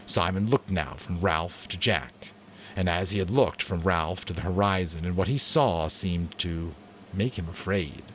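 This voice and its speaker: Reading a novel dramatically a little slowly, this amateur voice actor has a low-pitched yet fairly bright voice, with slight background noise. He sometimes stumbles over a line, rereads it, or stops to redo the take.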